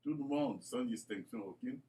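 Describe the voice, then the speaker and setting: Speaking at a normal pace in a mellow, mid-range voice, a school founder from Congo addresses inspectors about his project. The tone is formal and churchly, the presentation hesitant and cluttered with fillers and repetitions, and there's slight background noise.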